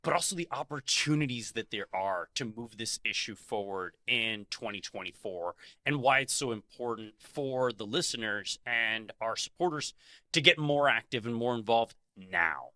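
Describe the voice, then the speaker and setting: A man co-hosting a podcast, speaking in a measured way with many pauses and fillers. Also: medium pitch, lively intonation, sharp tone, no room sound. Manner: measured, many ums and you-knows. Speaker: podcast co-host. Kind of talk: conversational advocacy discussion.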